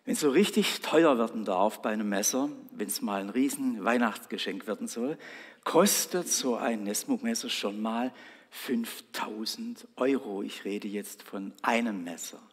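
A man preaching a sermon, dramatic and emphatic, slowing down to stress his words. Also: fairly low pitch, slightly rough, long reverb tail. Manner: dramatic, slow and emphatic with swells of loudness.

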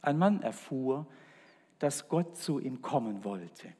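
A man preaching a sermon, moving between raised calls and hushed whispers. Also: mid-range voice, lively intonation, takes it slowly, breathy edge. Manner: dramatic, shifts between loud calls and soft whispers. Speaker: pastor. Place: church. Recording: long church reverb.

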